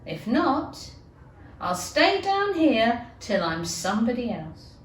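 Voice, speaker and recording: A woman's voice: a little high, sing-song, slow pace, echoey room, recorded from a distance. A woman reading a storybook as a tearful, fretful little girl who talks to herself in a plaintive, dramatic way. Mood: stubborn, sulky.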